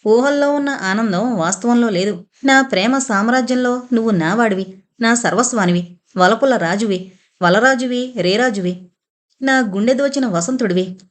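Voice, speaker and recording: A woman's voice: a little high, moderate pace, natural voice. A woman voicing a young woman in love who speaks in a rapturous, poetic, trance-like way in a storybook reading.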